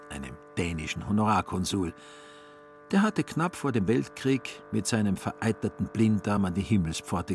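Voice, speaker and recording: Low-voiced male literary narrator. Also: a little mellow. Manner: measured, ironic storytelling. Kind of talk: literary radio reading.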